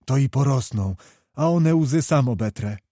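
A man's voice: mid-range voice, expressive, a little slow, warm tone, no echo, studio quality. A man voicing a fiery young knight who pleads earnestly and passionately. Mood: impassioned.

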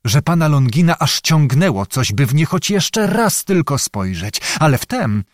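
Man narrating an expressive audiobook. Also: fairly high pitch, measured pace, dry recording, studio quality. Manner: expressive, theatrical storytelling. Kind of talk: scripted narration.

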